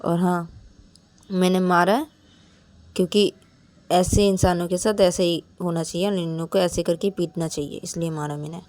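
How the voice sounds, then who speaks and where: A woman's voice: lowish voice, fairly even intonation, normal speed, darkish tone, natural voice. A woman voicing an angry young woman who answers curtly and bitterly in a storybook. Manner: curt, bitter, firm.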